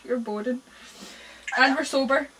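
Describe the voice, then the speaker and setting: A woman's voice: high voice, a little slow, fairly bright tone, husky. A giggly, teasing woman chatting casually with friends on a noisy amateur home video. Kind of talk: casual chat during a burping contest.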